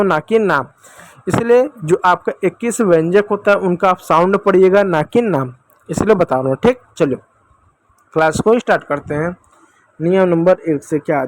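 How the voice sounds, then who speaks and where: A man's voice: sits high, no echo. A man teaching children English phonics, patiently asking questions and answering them himself. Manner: repeatedly addresses kids as dear children.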